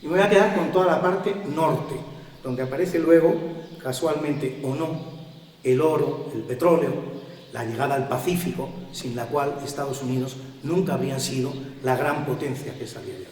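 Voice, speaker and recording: A man's voice: medium pitch, moderate pace, a little mellow, slight background noise. A middle-aged Spanish man giving a public lecture, putting rhetorical questions to his audience. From Spain. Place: cultural center hall. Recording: echoey hall, voice from far off.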